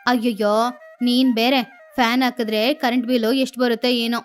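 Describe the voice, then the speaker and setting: Brief: fussy, penny-pinching mother crow for a storybook cartoon, voiced by a woman; high, fretting delivery. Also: level tone, a little fast, faint music behind, lightly acted.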